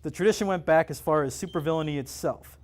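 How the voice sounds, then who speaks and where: Reading his own novel at a live comic and game shop event, the author narrates with spirited drama. He speaks fast, in a slightly high voice.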